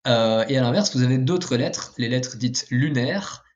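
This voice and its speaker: A man's voice: medium pitch, measured pace. A man giving a casual video lesson, explaining step by step with frequent fillers and self-corrections while drawing with a pen. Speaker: language teacher.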